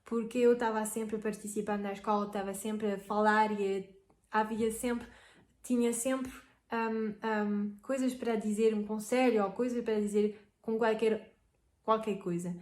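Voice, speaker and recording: A woman's voice: medium pitch, steady tone, unhurried, darkish tone. A woman giving casual relationship advice, hesitant and often searching for words. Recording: echoey room.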